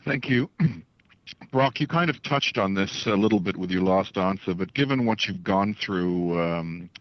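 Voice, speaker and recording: A man's voice: deep voice, lively intonation, measured pace, dry recording. A man working as a reporter, putting a conversational question to an athlete on a conference call. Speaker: wire service reporter. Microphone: telephone. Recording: dull, lo-fi phone line.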